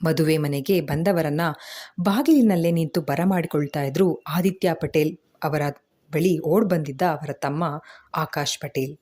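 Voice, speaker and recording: A woman telling a story in a steady, expressive reading voice. Her tone is low, dark and husky. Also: measured pace. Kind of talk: scripted story narration.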